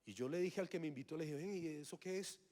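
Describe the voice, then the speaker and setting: Guy preaching his testimony, high-pitched, storytelling style, late 30s. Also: fast, mellow. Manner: storytelling, acting out his own past reactions. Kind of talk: testimony sermon.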